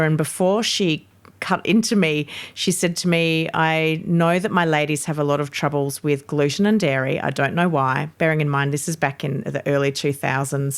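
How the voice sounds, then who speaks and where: Australian woman telling her story. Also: low voice. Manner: candid, storytelling, energetic. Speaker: podcast guest. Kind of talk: conversational interview.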